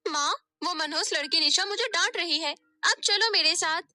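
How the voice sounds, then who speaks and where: A woman's voice: high voice, fairly even intonation, moderate pace, bright, forceful tone, pitched above the performer's own voice. A woman voicing a spoiled, jealous young stepsister who taunts and whines in a storybook tale. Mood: taunting whiny. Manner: whiny, taunting.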